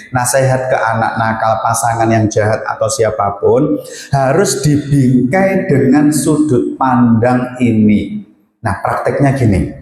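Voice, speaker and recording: Javanese-accented male preacher in echoing mosque. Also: a little mellow. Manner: emphatic, swings pitch up to stress points. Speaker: Islamic preacher. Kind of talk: sermon. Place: large mosque hall. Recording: echoey mosque hall, long reverb.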